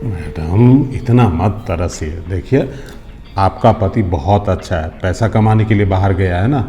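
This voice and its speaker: A man's voice: sits low, a little slow, warm tone. An actor playing an honest, middle-aged security guard in a scripted short drama. He speaks politely and respectfully and pleads at times. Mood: advising.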